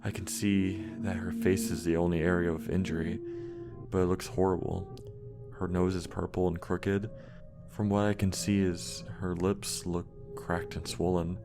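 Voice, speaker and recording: A man reads a scripted horror story in a measured, steady way. His voice is deep and gravelly with plenty of fry. Music plays beneath the narration throughout. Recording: music playing underneath.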